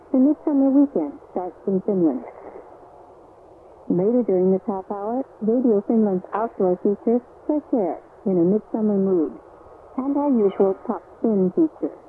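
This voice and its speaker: A woman presenting and reading the news in a crisp, even newsreader delivery, heard over fading shortwave radio reception. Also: mid-range voice, phone-quality sound. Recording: thin shortwave broadcast with faint static.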